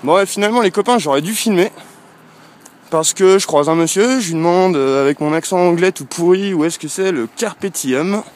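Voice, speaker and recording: High-pitched yet darkish in tone, a French travel vlogger talks at a moderate pace to a handheld camera. He's walking a village street, chatting casually, rambling and hesitating frequently.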